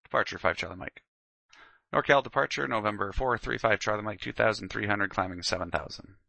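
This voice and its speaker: A man's voice: on the low side, brisk, gravelly, pushed and bright, dry recording. A man working as a pilot, making procedural radio calls and readbacks.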